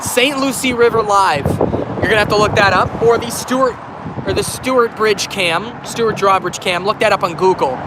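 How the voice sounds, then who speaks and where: Livestreaming from his phone on a bridge by a busy highway, a man who loves trains and is recovering from a cold chats informally with viewers, repeatedly restarting and self-correcting. His voice is high-pitched and his pace moderate, with heavy traffic and wind noise all around.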